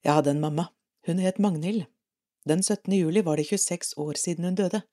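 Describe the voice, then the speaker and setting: A Norwegian woman reading a devotional article aloud for an audio edition of a parish magazine, calm and measured. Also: lowish voice.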